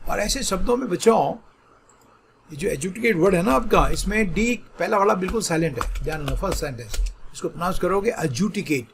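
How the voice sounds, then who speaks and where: A man's voice: sits high, lively intonation, fairly quick, vocal fry, slight background noise. A middle-aged man teaching an online exam-prep vocabulary lesson, explaining patiently and mixing English terms into Hindi with frequent check-ins to his students.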